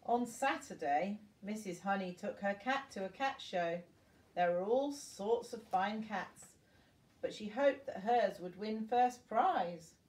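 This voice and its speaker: An older woman reads a storybook aloud to young children like a grandmother at bedtime, expressive and unhurried, with little asides to her listeners. Her mid-range voice is a little mellow. The recording sounds distant from the mic, with a roomy echo.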